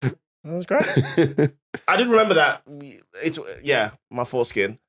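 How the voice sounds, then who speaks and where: A man's voice: a little high, very animated, measured pace, a bit bright. A man in his thirties, a comedian co-hosting a podcast, telling self-mocking stories with frequent laughter. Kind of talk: casual chat.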